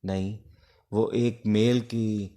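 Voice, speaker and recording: In a dark, lowish voice with little pitch movement, a Pakistani-accented man teaches law informally. He explains haltingly, drops in English terms, and poses questions before answering them.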